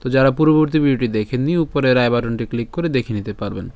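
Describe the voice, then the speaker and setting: A man teaching the pronunciation of a Sanskrit verse syllable by syllable, asking and answering his own questions and chanting the lines slowly. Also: mid-range voice, darkish tone, no room sound. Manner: breaks words into syllables, repeats them, asks and answers his own questions. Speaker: Gita recitation teacher. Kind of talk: step-by-step Sanskrit pronunciation lesson.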